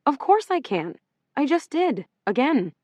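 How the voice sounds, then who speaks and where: A woman's voice: high voice, big pitch swings, unhurried, a little mellow, no room sound, pitched above the performer's own voice. A woman narrator voicing a wronged female editor who speaks firmly and in clipped, barely controlled lines. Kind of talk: audiobook character reading.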